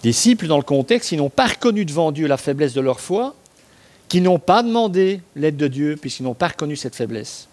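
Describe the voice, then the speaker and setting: A man with a slightly high voice preaches a sermon. He explains the passage in a relaxed, talky way, breaking off for asides and asking his listeners rhetorical questions. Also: brisk.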